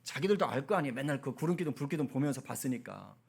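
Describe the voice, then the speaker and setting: A male pastor preaching a sermon in a lively, conversational way, with asides to the congregation. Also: mid-range voice, very fast, vocal fry, slightly rough.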